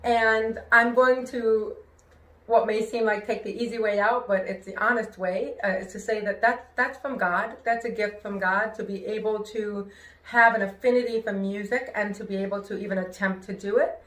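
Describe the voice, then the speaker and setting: A woman's voice: medium pitch, normal speed. A woman with hearing-impaired speech whose r sounds drift toward w, speaking expressively and with careful pronunciation in a personal, conversational talk. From New York, United States. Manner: careful pronunciation with worked-on inflection; expressive, emphatic. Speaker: singer and show host. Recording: echoey room.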